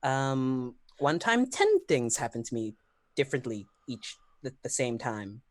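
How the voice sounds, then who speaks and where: A woman's voice: a bass voice, very animated, a little slow, a little mellow, no echo, clean studio sound. A woman playing a tabletop game, speaking casually in character. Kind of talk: casual in-character role-play.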